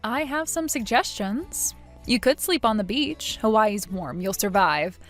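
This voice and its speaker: A woman voicing a cool, cutting young woman who mocks in a dry, measured way, in a read-aloud text story. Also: a little high, lively intonation, soft background music. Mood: sarcastic.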